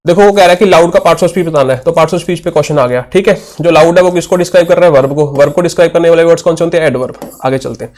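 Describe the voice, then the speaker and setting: Young guy explaining english grammar for exam prep, kinda high voice, reads the questions out slow. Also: a little mellow. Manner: explains patiently, asks and answers his own questions; mixes Hindi with English terms, reads questions slowly. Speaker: English teacher. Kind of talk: exam-prep lesson, solving questions aloud.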